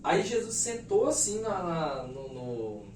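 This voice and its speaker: A Brazilian man in his thirties, a podcast guest, telling a personal story in an animated, emphatic way full of slang fillers. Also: on the high side, slow pace, slight background noise. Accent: Brazilian Portuguese. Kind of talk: casual storytelling. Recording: roomy echo, mic at a distance.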